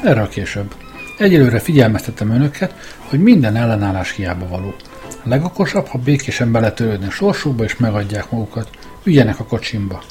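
A man's voice: lowish voice, sing-song, darkish tone, faint music behind. A man voicing a stern police chief who gives cold, commanding orders in a storybook reading.

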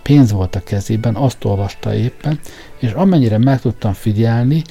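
A man reading a hard-faced young ex-convict son in a storybook, blunt and conspiratorial, with a dark voice. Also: on the low side, vocal fry, soft background music.

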